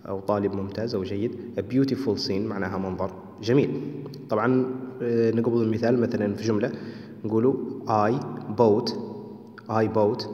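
A man with a Hassaniya Arabic accent teaching an English lesson, explaining slowly with many fillers and reading English examples deliberately. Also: on the low side, darkish tone. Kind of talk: online language lesson. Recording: echoey room with long reverb.

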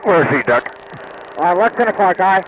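A man's voice: sits high, big pitch swings, normal speed. A fighter pilot, a man, making terse combat calls over oxygen mask radio from a jet cockpit. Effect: through oxygen mask radio. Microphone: oxygen mask microphone. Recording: very noisy archive cockpit radio audio.

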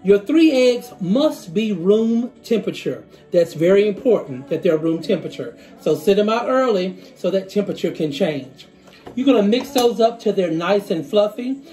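A middle-aged man hosts a recipe demonstration in a small home kitchen, explaining each step instructively, repeating the key ones, and letting out savoring exclamations. His voice is high, animated, and mellow at a moderate pace, with soft music in the background.

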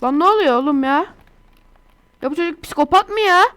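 A woman from Turkey giving casual, chatty commentary over her own gameplay, excitable and quick to burst into exasperated outbursts. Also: high voice. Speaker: gaming YouTuber.

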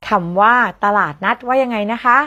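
A woman from southern Thailand giving a casual online English lesson, chatty and playful, repeating each word slowly for students to practice. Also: a little high, sharp tone, dull audio. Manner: playful, teasing asides. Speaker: English teacher.

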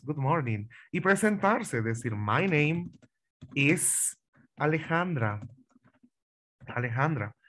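A man teaching a beginner English class online, speaking patiently, repeating phrases and checking in with his students. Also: medium pitch. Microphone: video call.

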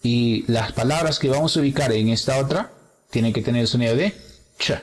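A man teaching English, slowly explaining exercises step by step and alternating English examples with explanations. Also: mid-range voice, in a large hall. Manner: slow, explanatory, switches between English examples and Spanish explanation. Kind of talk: bilingual grammar lesson walkthrough.

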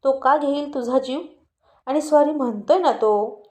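Storybook mother, calm, reasoning, gently reproachful, read by a woman. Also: sits high, measured pace. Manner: soothing, reproachful.

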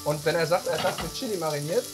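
A man's voice: a little high, racing. Chatty man chef asking questions. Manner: chatty, asks many questions, joking. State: sweating from spicy food. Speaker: chef hosting a cooking video. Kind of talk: casual cooking chat. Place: large professional kitchen indoors. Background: background music and sizzling pan.

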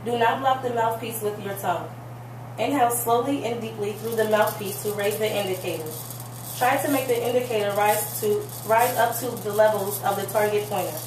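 A woman's voice: medium pitch, fairly even intonation, normal speed. A woman giving a formal, scripted instructional explanation as if reciting it. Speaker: presenter. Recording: distant mic, echoey room, clear noise.

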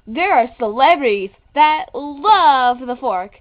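A woman's voice: high voice, lively intonation, takes it slowly. A woman playing an over-eager, easily flustered infomercial host in a gushing, stammering hard-sell parody. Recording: dull lo-fi home video sound.

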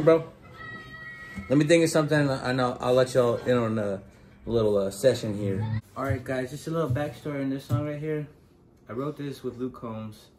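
A man chatting casually in an easygoing, storytelling way for his vlog. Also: medium pitch. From Texas, US. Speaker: barber and vlogger. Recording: loud background noise, traffic.

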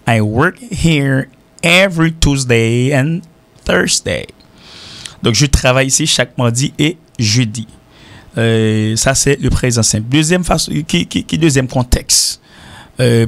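A man with a Haitian accent giving a radio English lesson, explaining slowly and repeating himself, often checking in with "hein?" and "ok?". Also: medium pitch, vocal fry, a little mellow. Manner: mixes French with Creole. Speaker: English teacher. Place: radio studio.

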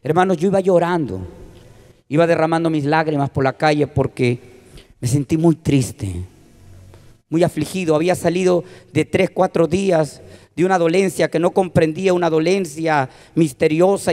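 A man's voice: on the high side, a little mellow. A man with a Peruvian Spanish accent, preaching a testimony sermon with emotional, dramatic storytelling and often addressing the congregation. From Peru. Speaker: presbyter preacher.

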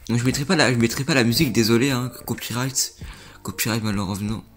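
A man's voice: medium pitch, fast talker, a bit bright. Rambling casual young gaming vlogger man. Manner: rambling, repeats himself, filler-heavy. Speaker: gaming YouTuber reviewing viewer clips. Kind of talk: casual reaction commentary.

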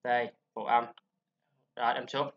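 A man with a Vietnamese accent teaching English pronunciation, drilling sounds and syllables slowly with chatty asides. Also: mid-range voice, flat delivery. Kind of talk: informal pronunciation lesson. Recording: slightly dull lo-fi sound.

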